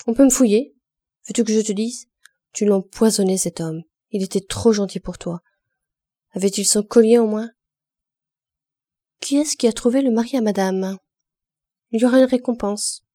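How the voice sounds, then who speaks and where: A woman voicing a spiteful young laundress who taunts loudly in a quick, mocking way. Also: medium pitch, no echo, natural voice.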